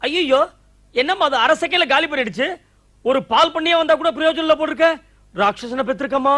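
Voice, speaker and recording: A frazzled new dad cracking jokes. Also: male voice, very high-pitched, pushed and bright. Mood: mocking. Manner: quick punning quips, exasperated complaints. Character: flustered young husband and new father, wisecracking. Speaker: lead comic actor. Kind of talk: Tamil stage comedy acting.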